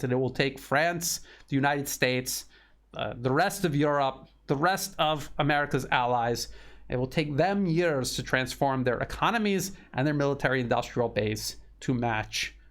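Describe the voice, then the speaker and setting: A man delivering solo news commentary, reading out articles and stressing points in a measured, emphatic way, sometimes repeating words. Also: mid-range voice, fairly bright tone. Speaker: political commentator.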